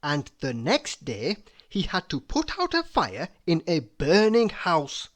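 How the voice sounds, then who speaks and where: Huge pitch swings mark this storybook reader's slow, measured reading of a children's book, with the voice shifting widely between phrases and key words drawn out for effect.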